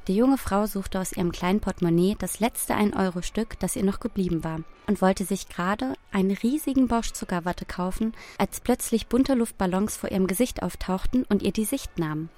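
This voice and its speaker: A woman reads a story aloud in a calm, descriptive manner. Her voice sits at a middle pitch, and she paces the scripted narration evenly. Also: fairly quick, hardly any pauses.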